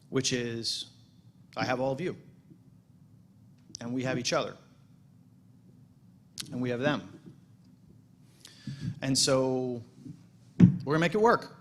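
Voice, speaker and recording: A man, the president of a congregation, giving a relaxed welcome speech with self-deprecating jokes and frequent restarts. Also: medium pitch, slight background noise. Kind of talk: welcome speech at a holiday service. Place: synagogue sanctuary.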